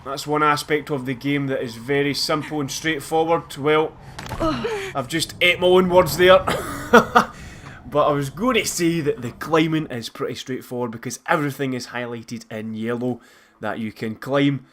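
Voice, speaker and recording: A man's voice: medium pitch, steady tone, moderate pace, slight background noise. A man with a Scottish accent giving casual, chatty and self-mocking commentary over a game as a let's play host. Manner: chatty, self-mocking, bursts into loud laughs.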